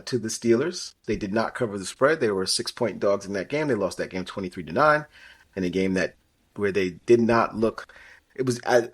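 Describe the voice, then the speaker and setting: A man's voice: medium pitch, slightly rough. A man hosting a casual sports betting podcast, rambling with lots of fillers and restarts. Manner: rambling, filler-heavy, animated when riffing. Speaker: podcast host.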